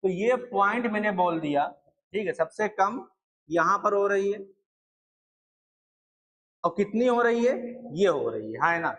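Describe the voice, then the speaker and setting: A man's voice: sits high, animated, measured pace, pauses often, a bit bright, low-quality recording. A young man lecturing on math at a board, repeating points and asking his students questions. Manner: repetitive, asks students questions. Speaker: math teacher.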